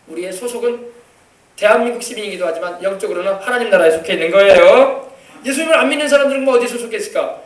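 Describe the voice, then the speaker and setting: A pastor with a South Jeolla accent giving a children's sermon, asking the children questions and waiting for their answers. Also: male voice, high voice, a bit bright. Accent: Korean, South Jeolla (Yeosu). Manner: asks the children questions and waits for replies. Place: church sanctuary. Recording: echoey church hall, voice from far off.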